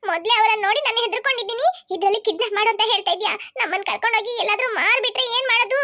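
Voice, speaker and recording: A woman's voice: extremely high pitch, rapid-fire, bright, forceful tone. A woman voicing a timid, frightened little girl in a cartoon who pleads anxiously. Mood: scared.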